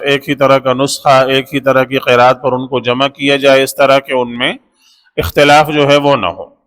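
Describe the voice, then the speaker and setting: A man giving a Quran lesson, explaining in a steady, repetitive way with many honorifics. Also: mid-range voice, big-room sound. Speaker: Quran teacher. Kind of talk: religious lesson.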